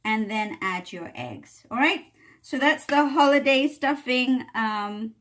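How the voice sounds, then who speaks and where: A woman's voice: fairly high pitch, animated, slow pace, a bit bright. Chatty woman walking through a recipe. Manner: chatty, with frequent "all right?" check-ins. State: coughing a little from chili fumes. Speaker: cooking channel host. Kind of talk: casual cooking demonstration. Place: home kitchen.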